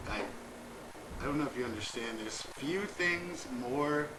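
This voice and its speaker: A man's voice: fairly high pitch, lively intonation, measured pace. A tipsy young man joking crudely with friends, heard on an old camcorder tape. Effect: old camcorder tape sound. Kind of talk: casual chat among friends. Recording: roomy, noisy camcorder audio from a distance.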